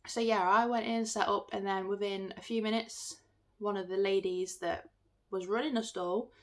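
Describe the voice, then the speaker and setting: A woman's voice: mid-range voice, steady tone, normal speed. An English woman with a bunged-up, swollen-throat sound, chatting casually and ramblingly to her phone as a self-deprecating vlogger. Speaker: artist and craft market seller vlogging. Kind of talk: casual chat to camera. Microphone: phone filming.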